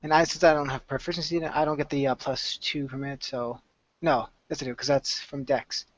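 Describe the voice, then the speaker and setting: A man's voice: mid-range voice, level tone, a little fast, no echo. A man playing in a tabletop game, rambling and joking as he declares his moves. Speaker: player. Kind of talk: casual tabletop game play. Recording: dry, dull lo-fi recording.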